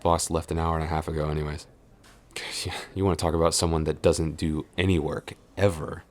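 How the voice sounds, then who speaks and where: Speaking fairly quickly in an extremely low, flat voice, a man plays a flustered tsundere boyfriend who is also an office supervisor in an intimate audio roleplay. He stammers and gets exasperated, evasive and defensive as he scolds.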